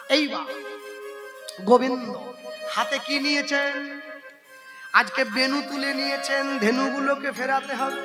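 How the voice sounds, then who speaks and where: A man with an Indian Bengali accent preaching at a kirtan, telling devotional stories, quizzing the audience and breaking into song. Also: very high-pitched. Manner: storytelling, quizzes the audience, laughs often. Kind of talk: devotional sermon with sung verses. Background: devotional instrumental music.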